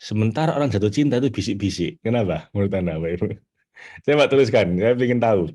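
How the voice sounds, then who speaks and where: A middle-aged man giving a lively spiritual teaching talk to an audience, jumping to high excited bursts and slowing down to read quotes. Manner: animated, rising to high excited bursts, reads quotes slowly. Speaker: spiritual trainer.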